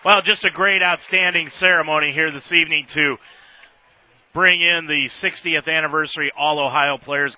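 An American man hosting a football radio broadcast in a sportscaster's commentary style. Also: on the high side. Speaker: sports play-by-play host. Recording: slightly dull radio broadcast sound.

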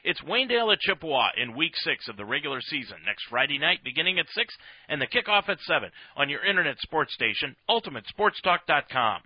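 On a football radio broadcast, an American play-by-play man talks briskly in a sing-song, slightly high voice with a breathy edge, in classic sportscaster commentary style. The audio has a slightly dull broadcast tone.

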